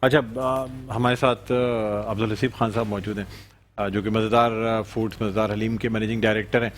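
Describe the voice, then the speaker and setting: A man's voice: lowish voice, flat delivery, a little hiss or hum. A man hosting a live Ramadan television show, chatting with a guest and children in a friendly questioning manner, full of fillers and repeated affirmations. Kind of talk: live TV chat and interviews. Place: TV studio.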